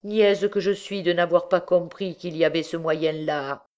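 A woman's voice: fairly low pitch, unhurried, a little mellow, voice pushed up, natural voice. A woman reading a desperate pleading mother. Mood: eager. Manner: pleading, emotional, breathless.

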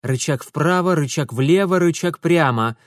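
A man's voice: fairly high pitch, lively intonation, brisk, darkish tone, dry recording, clean studio sound. A man voicing a brusque young man who gives curt, impatient orders in an audiobook. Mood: commanding. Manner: curt, commanding. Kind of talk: audiobook character voice.

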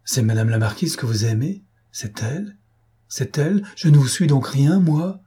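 A man voicing a gentle young woman servant who speaks softly and with gentle reproach in an audiobook. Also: fairly low pitch, expressive, moderate pace, breathy edge. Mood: hurt. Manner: soft, pleading and gently reproachful. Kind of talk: audiobook character voice.

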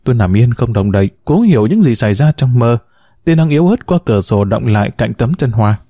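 A man reads a novel aloud with a mellow, softly rounded voice. His pitch rises and falls freely as he tells the story. The recording is dry and close, with no room sound. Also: no echo. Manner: measured, expressive storytelling. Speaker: audiobook narrator. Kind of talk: scripted narration of a novel.

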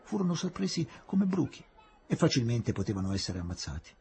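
A man reading a novel aloud in a varied, expressive way. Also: medium pitch, a little fast, gravelly, slightly rough. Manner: expressive, shifting dramatic reading. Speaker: reader.

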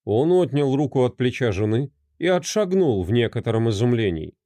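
A man narrating a crime novel as an audiobook, with expressive storytelling. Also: mid-range voice, moderate pace, no echo, clean studio sound.

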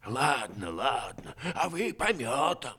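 A man voicing a decrepit, fretful old valet in an audiobook, mumbling toothlessly and breathlessly in a raspy, folksy, drawn-out way. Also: mid-range voice, very animated, sharp tone, pitched above the performer's own voice, full character voice. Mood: fretful grumbling. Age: older. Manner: drawn-out rustic grumbling and lamenting. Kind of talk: audiobook character reading.

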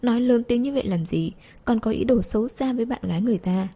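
A woman's voice: on the high side, quick pace, dark tone, husky, voice pushed up. A woman voicing a petulant young girlfriend nagging her boyfriend in an audiobook.

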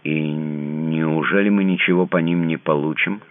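A man's voice: very deep voice, fairly even intonation, unhurried. A man doing an anxious, tender princess. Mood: pleading. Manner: pleading, soothing, alarmed. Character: anxious, tender noblewoman pleading with her lover. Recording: dry, narrow phone-like sound.

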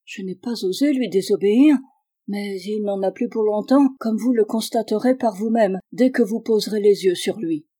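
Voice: medium pitch, normal speed, mellow, lightly acted. Un lecteur qui fait parler une vieille logeuse inquiète, d'un ton pressant et suppliant. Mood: urgent. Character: worried elderly landlady, anxious.

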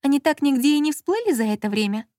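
A woman's voice: sits high, expressive, fast, mellow, no echo, studio quality, voice pushed up. A woman reading an audiobook and voicing a capricious, playful young woman who whines and teases. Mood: curious. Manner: whiny, teasing, shrieks in fright. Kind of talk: audiobook character voice.

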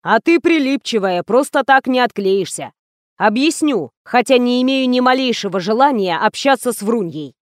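Woman reading a contemptuous rich man, loud, slow and scolding. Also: fairly high pitch, expressive, no echo, clean studio sound, close to an everyday voice. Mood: cold. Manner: loud, slow, scornful ranting.

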